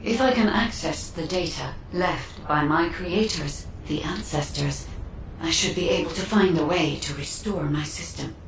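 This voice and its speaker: A disembodied AI guide voice. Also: female voice, deep voice, a little slow. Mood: solemn. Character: disembodied female AI guide, calm, solemn. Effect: disembodied voice heard in the mind. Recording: echoey, distant, faint noise.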